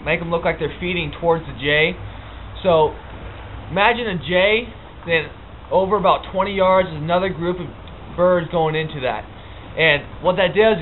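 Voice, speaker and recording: Man on muffled, lo-fi audio, explaining casually. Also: on the high side. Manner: halting, informal, plain-spoken. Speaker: hunting instructor. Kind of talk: casual unscripted how-to explanation. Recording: muffled phone-like lo-fi audio, background noise.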